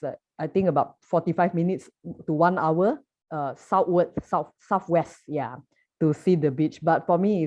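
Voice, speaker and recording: A young Malaysian woman with a Malaysian accent speaks in a deep, slightly mellow voice. She is a poet and artist giving casual answers as an interview guest, full of fillers and restarts. The audio is muffled and lo-fi.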